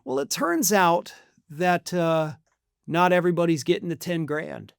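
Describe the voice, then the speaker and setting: Hosting his own channel, an American man offers opinionated political news commentary that is emphatic, sarcastic and colloquial. The voice sits a little high with lively intonation, an unhurried pace and some vocal fry; the tone is clean and the studio recording is dry.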